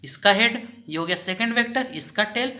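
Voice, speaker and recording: A man teaching a recorded lesson in a bright, slightly tense voice. He goes slowly and repeats each point, firing off questions and answering them himself. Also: sits high, animated. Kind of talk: recorded class lecture.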